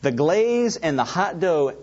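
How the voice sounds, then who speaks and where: A man's voice: fairly high pitch, takes it slowly, dull audio. A middle-aged man preaching a sermon, telling personal stories with asides to the congregation. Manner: animated storytelling with asides to the congregation. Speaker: pastor.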